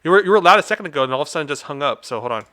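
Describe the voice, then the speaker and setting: A man with a bright, forward tone co-hosts a live tarot stream. He talks in a relaxed, chatty way and often jumps in over his partner. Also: on the high side, racing. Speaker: tarot reader co-host. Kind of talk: casual live stream chat.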